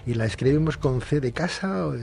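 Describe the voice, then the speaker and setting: A man hosting a talk show, reading a formal introduction and then interviewing his guest in a measured way. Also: on the high side, expressive, gravelly, darkish tone. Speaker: radio show host.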